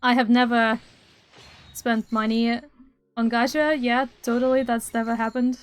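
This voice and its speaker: A young woman from Estonia chats casually on her live stream, rambling and tossing in dry, sarcastic asides while faint music plays. Her voice is clean and fairly high, with little pitch movement and a slightly slow pace.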